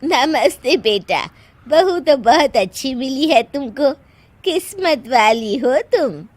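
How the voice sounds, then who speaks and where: A woman's voice: high voice, expressive, takes it slowly, no room sound, heavily acted. A woman voicing chatty middle-aged women friends in a cartoon, gushing and nosy.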